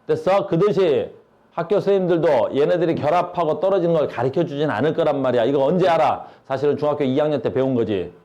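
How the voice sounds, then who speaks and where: A man's voice: a little high, animated, quick pace, mellow, highs cut off. A male science teacher giving a classroom lecture, blunt and slangy, asking his students questions all the time.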